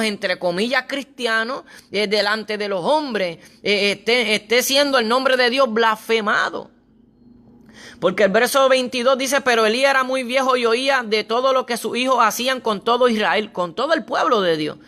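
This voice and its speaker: Male preacher, high bright voice, earnest and insistent, sermon delivery. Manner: earnest, reads scripture aloud and presses points with repeated phrases.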